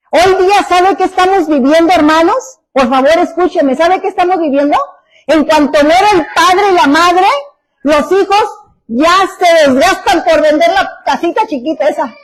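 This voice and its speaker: High-voiced woman pastor preaching. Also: poor audio. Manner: emphatic preaching with rhetorical questions. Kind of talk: sermon.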